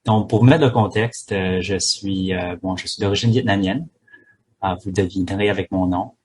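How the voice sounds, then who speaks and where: A man's voice: deep voice, fairly even intonation, moderate pace, a little mellow, slightly rough. A man, a pharmacist guest speaking in a hesitant way with many fillers and restarts. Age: 30s. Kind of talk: casual interview talk.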